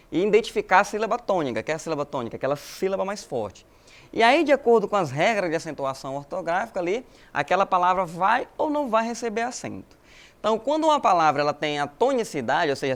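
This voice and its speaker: A Brazilian man teaching a recorded language lesson, explaining patiently and checking in with his students with friendly little tag questions. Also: on the high side. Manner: explanatory, addresses students as galerinha, frequent né tags. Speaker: Spanish teacher.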